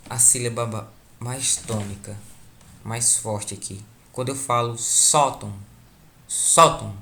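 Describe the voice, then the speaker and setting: A man with a Brazilian Portuguese accent talks through a test like a patient teacher, repeating each point and checking that everyone follows. His voice sits at an ordinary middle pitch. A faint hum of ambience sits under the recording. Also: creaky. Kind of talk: explaining a school test.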